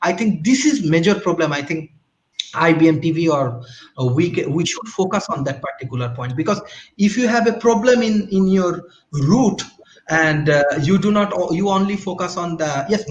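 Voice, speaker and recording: A man from Bangladesh talks through an online panel in a fairly high voice. He hesitates and restarts often. His call sounds roomy and dull. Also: expressive, normal speed, a little hiss or hum. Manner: hesitant, many restarts and fillers. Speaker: panel guest.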